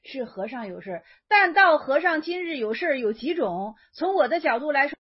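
A woman's voice: high-pitched, big pitch swings, fairly quick, lo-fi sound. A woman explaining an old Chan koan in a casual lecture, thinking aloud and correcting herself as she goes. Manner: thinking aloud, self-correcting, many fillers.

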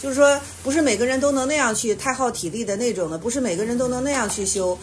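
Female meditation teacher, slightly high, patient explainer in a dharma Q&A. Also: fast, a little hiss or hum. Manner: patient, explanatory, many soft affirming hums. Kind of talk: Buddhist question-and-answer talk.

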